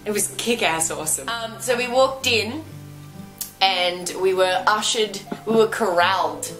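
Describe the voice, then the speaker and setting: A woman's voice: medium pitch, measured pace, fairly bright tone, faint music behind, poor audio. A woman giving a casual, chatty review as co-host, in an emphatic, gushing way. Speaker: co-host reviewing a dance show.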